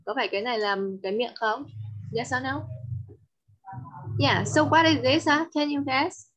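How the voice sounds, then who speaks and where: A woman's voice: high-pitched, moderate pace, a bit bright, a little hiss or hum. A woman from Vietnam with a Vietnamese accent, teaching English to a child over a video call, switching between English and Vietnamese and coaxing answers with patient questions. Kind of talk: online lesson for a child.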